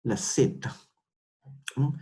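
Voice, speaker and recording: A man's voice: very slow, dark tone. A middle-aged man with a Peruvian accent, lecturing students and tagging nearly every phrase with a question, with frequent restarts. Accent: Peruvian Spanish. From Peru.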